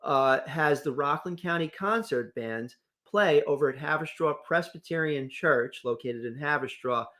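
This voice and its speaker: A man's voice: on the high side, moderate pace, hardly any pauses, bright, forceful tone. A man co-hosting a casual local morning radio show, upbeat and reading sponsor plugs with enthusiasm.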